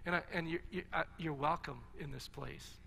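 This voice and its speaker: A man's voice: a little high, steady tone, normal speed, vocal fry, sharp tone, slight background noise. A man preaching a sermon as pastor, earnest and conversational, with restarts and little asides. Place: large church hall. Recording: long church-hall reverb.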